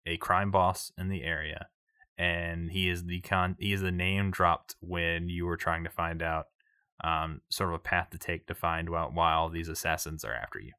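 A man running a tabletop game, his voice very low yet bright and sharp in tone. He narrates haltingly, full of fillers, recorded dry and close. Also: fairly even intonation, clean tone, no room sound. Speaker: game master.

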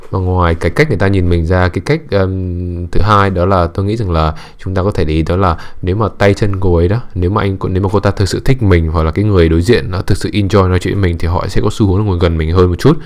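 A man giving calm dating and communication advice in a measured monologue, pausing often with hesitant fillers and dropping in English words. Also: sits low.

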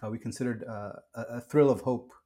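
A man's voice: mid-range voice, steady tone, brisk, mellow. A man who was born in Kuwait and raised in the US, a pastor talking earnestly and reflectively in a podcast interview, with frequent restarts and fillers.

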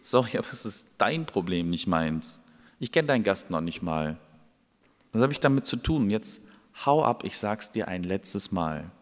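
A man's voice: deep voice, animated, a little slow, big-room sound. Man playing a grumpy midnight-woken man. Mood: angry. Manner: irritated, scolding, hushed at times.

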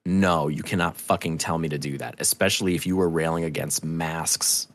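An American guest on a podcast, from New Hampshire, swaps anecdotes in an emphatic, opinionated manner, swearing a lot as the casual chat goes on. His pitch is extremely low, his tone steady, his pace moderate, with no echo.

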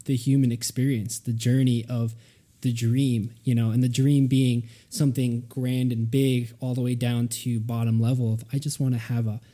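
Man, very dark mellow tone, casual podcast chat, thoughtful, rambling, lots of fillers. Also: mid-range voice, flat delivery, normal speed. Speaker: podcast co-host.

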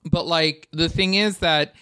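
A man co-hosting a casual podcast chat, talking in an animated, rambling way with lots of fillers and restarts. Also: a little high, measured pace, smooth, dry recording, studio quality. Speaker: podcast co-host.

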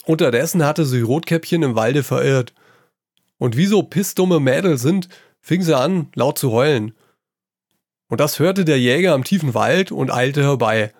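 A man giving a gruff, salty performed reading of a comic story, in the voice of an old sailor yarning to children. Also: mid-range voice, lively intonation, normal speed, a little mellow, dry recording, studio quality.

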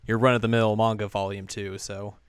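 Young male podcast host, relaxed rambling delivery, smooth voice, dry close mic. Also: on the low side, brisk, no echo. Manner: laid-back, rambling with fillers and laughs. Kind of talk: casual podcast chat.

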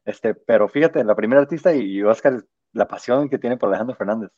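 A man's voice: medium pitch, fast, darkish tone, no echo. A man with a Mexican-American accent, co-hosting a casual podcast chat and mixing in English words. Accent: Mexican-American Spanish. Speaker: podcast co-host. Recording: dry, dull lo-fi sound.

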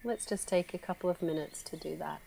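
A woman guiding a relaxation meditation, speaking slowly and softly with long pauses. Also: fairly low pitch, vocal fry, slight background noise. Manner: slow, soft, calm with long pauses. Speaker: meditation guide.

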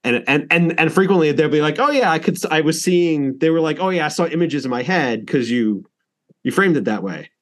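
A man's voice: on the high side, lively intonation, fairly quick. A man hosting a percussion podcast, talking in a casual, rambling way with many restarts. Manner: rambling, with frequent restarts and laughs.

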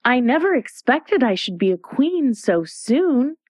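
A woman's voice: high voice, sing-song, darkish tone, dry recording, pitched above the performer's own voice, full character voice. A woman voicing a polite but argumentative young girl in a storybook reading. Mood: earnest. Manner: earnest, quick when arguing.

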